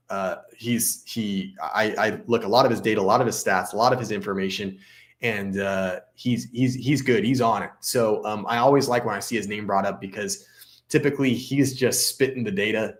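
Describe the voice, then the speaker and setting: A man's voice: on the low side, fairly even intonation, normal speed. A man who works as a realtor, hosting a casual live stream. He talks in a chatty way, often restarting his sentences and adding sarcastic asides.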